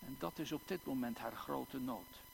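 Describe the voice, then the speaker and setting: A male pastor preaching a sermon in a church, slow and emphatic, with long dramatic pauses and repeated words. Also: mid-range voice, creaky. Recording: echoey church hall, faint hum.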